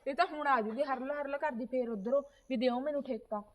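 A woman's voice: high voice, brisk, natural voice. A woman playing a young wife who answers back defensively and grumbles in an amateur comedy short film. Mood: grumbling. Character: defiant young wife of the household, retorting sharply.

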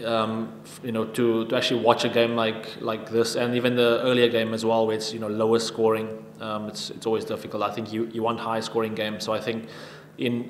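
A man in his thirties answering questions at a post-match press conference at a table mic, even-toned and halting with frequent restarts. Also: on the low side, a little hiss or hum. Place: press conference room with sponsor backdrop. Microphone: table microphone. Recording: echoey room with long reverb.

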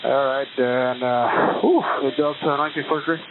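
A man speaking as an airline pilot over the radio, reading back instructions calmly and briefly. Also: mid-range voice, normal speed. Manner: brief radio readbacks, calm. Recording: tinny radio transmission with faint noise.

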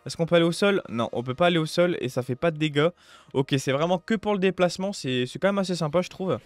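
Young guy chatting over gameplay, upbeat, lots of fillers, kinda high voice, dry close mic. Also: fast talker, no room sound. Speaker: gaming youtuber. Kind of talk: casual gameplay commentary.

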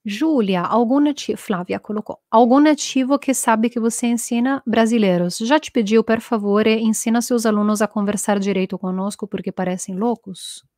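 A woman's voice: fairly high pitch, moderate pace, few pauses, a little mellow, dry recording, clean studio sound. A woman from Italy, a native Italian speaker, teaching a chatty live lesson and acting out quoted dialogue.

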